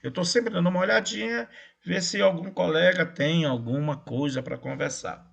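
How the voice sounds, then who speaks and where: A man teaching history over a video call, his voice pitched a little high for a man. He talks in a relaxed, chatty way and keeps checking that his students follow. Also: moderate pace, creaky. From Brazil. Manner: casual, checks in with "tá?" and "né?". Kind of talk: online class lecture.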